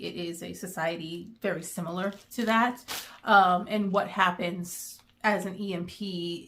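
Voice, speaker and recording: A middle-aged woman, chatting in a rambling way with many pauses, going emotional at times. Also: medium pitch, fairly bright tone. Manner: emotional, near tears. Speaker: book vlogger. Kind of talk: casual chat.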